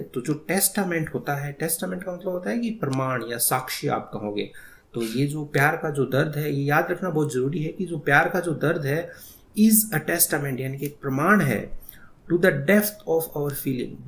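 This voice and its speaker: A man teaching English, explaining the text line by line and reading English words out slowly. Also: mid-range voice, a bit bright. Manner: slow, repetitive explaining, reads English words out one by one.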